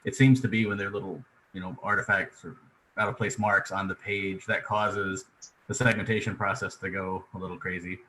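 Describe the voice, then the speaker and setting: A man answers a technical question on a video call in a hedged, practical way. His pitch is a little low, but his tone is bright and forceful. Faint noise sits behind him. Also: steady tone, fairly quick, poor audio. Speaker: fellow working on OCR. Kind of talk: answering in an online Q&A.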